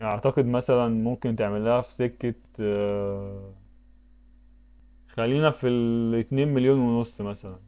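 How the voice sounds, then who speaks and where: Egyptian gaming YouTuber, male, rapid-fire talk, medium pitch, thinks aloud and exclaims. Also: fairly even intonation, dark tone, clean tone, soft background music. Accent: Egyptian Arabic. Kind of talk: casual commentary while playing web games.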